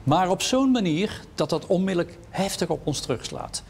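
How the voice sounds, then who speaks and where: A man lectures on philosophy in a reflective, questioning way, leaning on key words. His voice is slightly high for a man, with a gravelly fry, and faint background noise sits under it. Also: big pitch swings, normal speed, darkish tone. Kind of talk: lecture with read-aloud passages.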